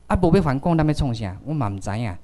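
A man with a Taiwanese accent telling a story at a seminar, acting out quoted dialogue in lively voices and switching into Taiwanese Hokkien. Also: medium pitch, fast talker. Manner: animated, acts out quoted dialogue. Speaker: speaker at a seminar. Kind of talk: storytelling talk.

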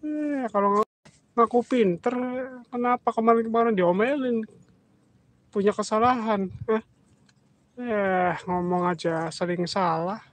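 A man's voice: high voice, measured pace, long pauses, no echo. A man hosting a live stream, scolding a commenter in a teasing, repetitive way.

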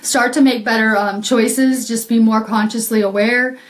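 A woman's voice: fairly high pitch, steady tone, moderate pace, echoey room. A woman healer talking casually to viewers on a live video, earnest and rambling with many ums and frequent laughs.

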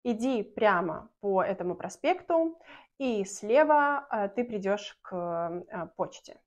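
A young woman from Belarus teaching a language lesson to camera in a small room, speaking clearly and patiently and slowing down to model example sentences. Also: medium pitch, lively intonation, highs cut off.

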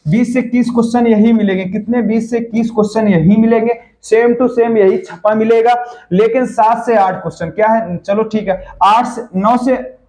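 High-voiced man drilling quiz answers. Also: steady tone, normal speed, darkish tone. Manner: asks each question, then repeats the answer for emphasis; informal and coaxing, calling students friends. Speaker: online exam coach. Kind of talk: quiz-style revision class.

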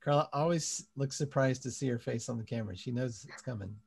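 A man hosting a live online comedy show, speaking in a relaxed way with many fillers, over a video call. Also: mid-range voice, brisk, gravelly, husky. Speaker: host.

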